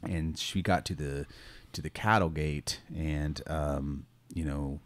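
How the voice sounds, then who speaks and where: A schoolteacher co-hosting a podcast tells a story in a slow, bass voice. He is relaxed and rambling, dropping plenty of fillers like "you know" and "um" and laughing now and then.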